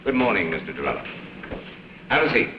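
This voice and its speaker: An echoey, noisy old film soundtrack carries a courteous banker. He talks quickly and formally, with lively intonation. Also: sits low, dull audio. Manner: polite, formal. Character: courteous businesslike male bank executive.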